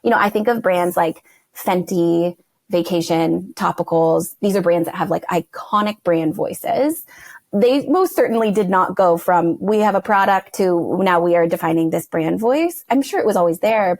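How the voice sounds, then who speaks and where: A young woman speaks as a podcast guest in an easy, chatty way, leaning on fillers. Her voice carries a gravelly fry, and the sound is close and dry, with no room around it. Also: lowish voice, moderate pace, darkish tone, no room sound. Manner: chatty, fillers like "like" and "you know". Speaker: guest, verbal identity strategist. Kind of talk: casual podcast interview.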